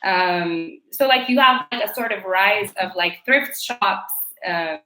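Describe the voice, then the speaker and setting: A woman's voice: medium pitch, slow, pushed and bright, reverberant, a little hiss or hum, poor audio. A young adult woman from Ethiopia, a fashion designer and entrepreneur, answering interview questions in a chatty way with many fillers.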